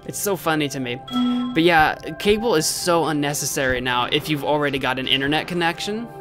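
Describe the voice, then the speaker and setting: A livestream host gives casual, playful game commentary in a medium-pitched voice. The talk rambles and repeats itself, with faint music underneath. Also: brisk.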